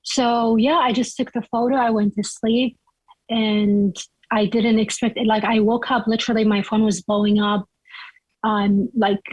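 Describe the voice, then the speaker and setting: High-voiced young woman from Iraq. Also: a little mellow, breathy edge, no room sound, low-quality recording. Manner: chatty, full of "like" and "you know". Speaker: guest. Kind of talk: casual interview storytelling.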